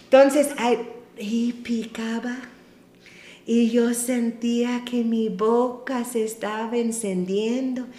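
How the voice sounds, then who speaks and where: A woman's voice: a little high, steady tone, takes it slowly, mellow, roomy sound. A woman from Michigan, a missionary, telling stories in a conversational way and often ending sentences with a questioning tag. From Michigan, United States. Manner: chatty, tags sentences with a questioning "no?". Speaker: missionary guest. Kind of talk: conversational storytelling.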